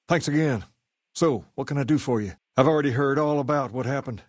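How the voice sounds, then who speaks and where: An actor playing a swaggering, folksy gang boss in a video game, with a laid-back Southern US drawl. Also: male voice, mid-range voice, dry recording, clean studio sound, close to an everyday voice. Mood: easygoing, grateful. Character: swaggering, folksy gang boss who idolizes a rock-and-roll singer. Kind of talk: video game character dialogue.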